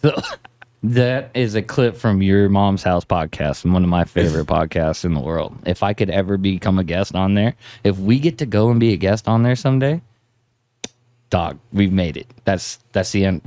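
A man's voice: sits low, normal speed, dark tone, no room sound. A man hosting a casual podcast, boisterous and profane, laughing as he talks into a studio mic. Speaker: podcast host. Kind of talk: casual crude podcast banter.

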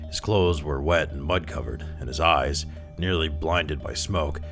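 A man calmly reading a classic short story aloud as narrator. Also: rumbling low, unhurried, faint music behind. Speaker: story reader.

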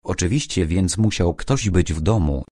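Deep-voiced male audiobook narrator. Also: expressive, normal speed, mellow, no echo, studio quality. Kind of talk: scripted narration.

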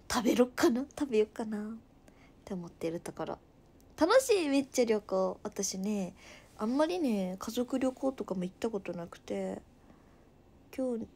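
Against slight background noise, a mid-range-voiced woman from Nagasaki, in her twenties, chats casually on a livestream in Nagasaki dialect. She reads comments out loud, often dropping to a gentle murmur.

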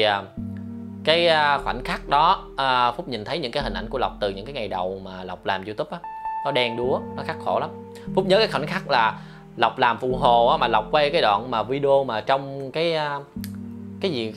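Male channel host for a commentary vlog, mid pitch, talks straight to the audience, hesitant and chatty, with clear guitar music behind. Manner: frequent hesitation fillers, addresses viewers directly; refers to himself by name in the third person.

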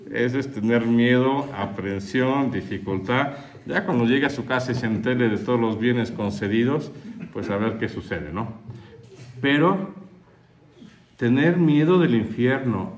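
Conversational priest preaching with humor. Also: male voice, medium pitch, measured pace. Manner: conversational, humorous, asks the audience questions. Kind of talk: sermon with anecdotes.

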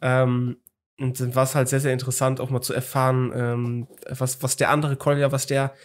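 A young male podcast co-host, hungover, rambles through a story in casual chat, full of ums and restarts. His mid-range voice is monotone and moves at a normal speed.

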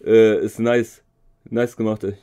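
A man with a dark, mellow voice reacts to a rap song in a relaxed, slangy way. He rambles a little and fills pauses with hesitation sounds. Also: on the low side, smooth. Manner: slangy, loose, lots of filler sounds. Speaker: music reaction host. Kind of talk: casual reaction commentary.

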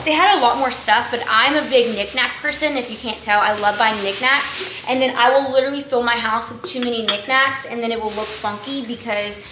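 A young Texan woman vlogger with a high, twangy voice talks a little fast through a shopping haul to camera, rambling and peppering her speech with "like" and "um." A camera on her kitchen counter records her from a distance, and the roomy kitchen echoes over clear household noise.

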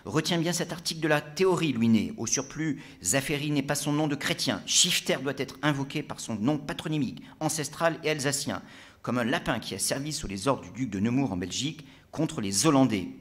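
A man's voice: mid-range voice, lively intonation, a little fast, pitched above the performer's own voice, lightly acted. A man reading aloud and playing a pompous, self-important gendarme brigadier who talks in stilted officialese.

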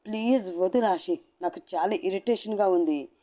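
A woman's voice: mid-range voice, moderate pace, dark tone, close to an everyday voice. A woman voicing a pleading harried young husband. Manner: pleading, exasperated.

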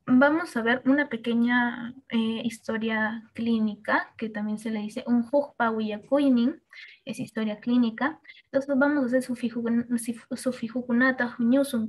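A woman's voice: a little high, darkish tone. A woman teaching Quechua to medical students in an online class, explaining step by step with many fillers, restarts and checks like "¿no?".

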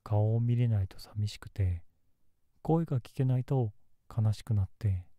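A man playing a gentle, melancholy young man in love, in a soft, intimate ASMR role-play close to the mic. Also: fairly low pitch, unhurried, no room sound, dull audio, natural voice. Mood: tender, sympathetic. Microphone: close ASMR microphone in a dry space.

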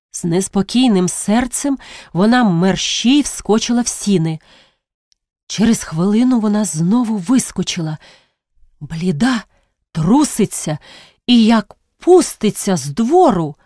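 A woman reading a classic novel aloud as a narrator, measured and dramatic. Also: medium pitch, darkish tone, dry recording, studio quality. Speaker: audiobook narrator. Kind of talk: expressive literary narration.

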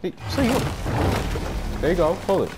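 A man talking over a video game at an unhurried pace, his pitch swinging widely as he reacts, cussing freely. He talks into a headset, with a faint hiss underneath. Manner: profane, excitable reactions. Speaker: gamer. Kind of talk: casual gameplay commentary.

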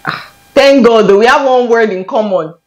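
A woman's voice: a little high, a little mellow. A woman with a Nigerian Canadian accent hosting a playful accent challenge, teasing her guest and drawing out words as she pronounces them. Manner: teasing, drawn-out word pronunciations. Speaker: host.

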